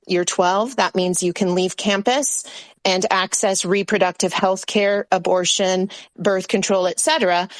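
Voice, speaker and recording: A woman's voice: mid-range voice, no room sound. A woman speaking on a discussion panel, laying out her points with a string of examples.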